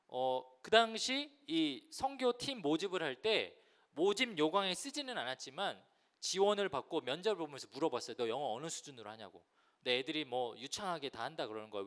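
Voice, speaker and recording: A man in his thirties preaching a lively youth sermon, telling a story and acting out the voices in it. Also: on the high side. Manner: animated, acts out quoted voices, addresses listeners directly. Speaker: youth pastor.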